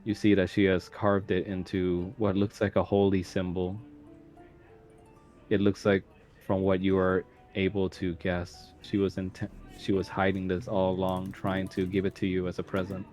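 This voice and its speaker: A man narrating a tabletop role-playing game as game master, describing scenes at an unhurried pace with some fillers. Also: sits low, monotone, a little mellow, faint music behind.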